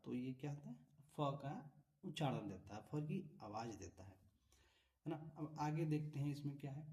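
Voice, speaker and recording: A male teacher explains English vowel rules step by step. He repeats each example word and keeps asking whether the listener follows. His voice is dark and mellow and sounds a little distant from the microphone. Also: on the high side. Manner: patient, repeats examples, frequent tag questions. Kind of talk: classroom-style explanation. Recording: voice from a distance off the mic.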